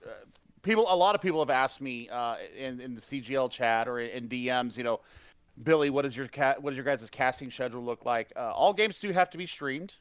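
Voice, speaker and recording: A man's voice: mid-range voice, brisk, clean tone, no room sound, muffled recording. A man casting an esports match, enthusiastic and openly emotional, talking casually about the teams. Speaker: esports caster. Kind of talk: esports post-match commentary.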